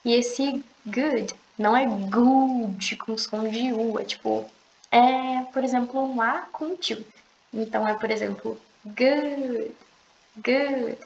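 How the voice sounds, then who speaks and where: A young woman teaching an online language lesson, explaining patiently and repeating slow, drawn-out pronunciation examples. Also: fairly high pitch, fairly even intonation, gravelly, darkish tone, a little hiss or hum. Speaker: English teacher. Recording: echoey room, dull lo-fi sound.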